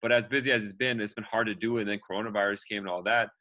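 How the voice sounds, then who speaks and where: A man's voice: fairly low pitch, fairly even intonation, very fast, bright, forceful tone. A man hosting an interview podcast, an immigration lawyer, talking in a chatty, rambling way. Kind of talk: casual interview talk.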